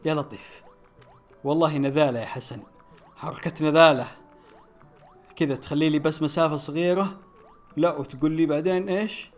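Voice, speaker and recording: A young man, playing a platform game on his channel and commenting casually, groaning and shouting as he plays. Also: on the high side. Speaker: gaming YouTuber.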